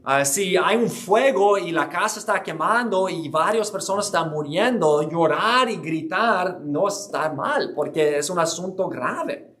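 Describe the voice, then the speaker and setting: A man's voice: high-pitched, animated, unhurried, fairly bright tone. A man giving an earnest church history lecture, explaining with frequent restarts and hesitations.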